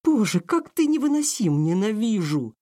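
A man's voice: big pitch swings, normal speed, dark tone. A man voicing a furious proud princess. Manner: high shrill outbursts. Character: young woman, proud princess, furious and flustered.

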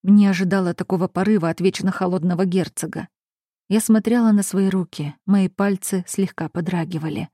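A woman narrating a romance novel in the first person with an intimate, expressive reading. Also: on the low side, fairly quick, dry recording, studio quality. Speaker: audiobook narrator.

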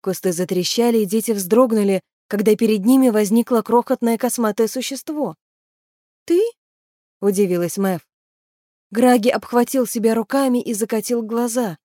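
A woman narrating an audiobook in an even, measured storytelling voice. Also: fairly high pitch, no echo, clean studio sound. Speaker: audiobook reader.

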